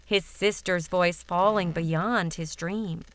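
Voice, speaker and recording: A woman narrating a fairytale audiobook in a measured, even way. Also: lowish voice. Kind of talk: scripted storybook narration.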